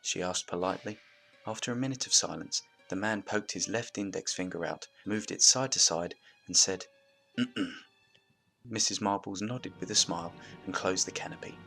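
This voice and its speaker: A man reading a story aloud as narrator in a steady, even manner, with faint music behind. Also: low voice, brisk, creaky.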